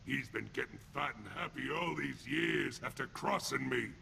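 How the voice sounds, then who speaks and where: With faint noise in the background, an actor plays a sneering alien enforcer from a video game who sounds newly out of prison and talks in crude, blunt street slang. The voice is mid-range, moderately paced, and menacing, with a gravelly, rough, heavily rasping growl and a hard, sharp edge.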